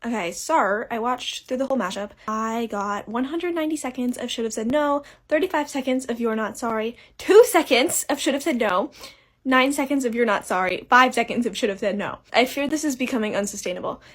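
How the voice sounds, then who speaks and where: A woman's voice: a little high, a little fast. A young woman vlogging casually about her crochet project, chatty and enthusiastic as she counts stitches and numbers aloud.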